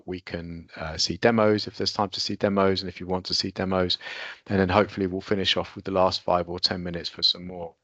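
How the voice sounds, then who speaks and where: A man's voice: sits low, pushed and bright, no echo, muffled recording. A man hosting a business webinar over a video call, presenting in a loose, conversational way. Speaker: webinar host. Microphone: computer mic on a video call.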